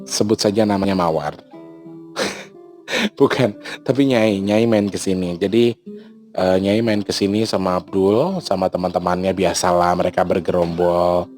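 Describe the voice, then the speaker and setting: A man hosting a casual storytelling vlog, talking in an animated way with frequent exclamations. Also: deep voice, unhurried, soft background music. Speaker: channel host.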